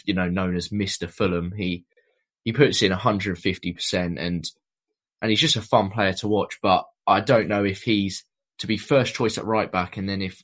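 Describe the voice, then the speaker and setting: A man speaking in a measured way, full of "I think" and "kind of", as a panelist on a casual football fan podcast. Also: low-pitched, fairly bright tone.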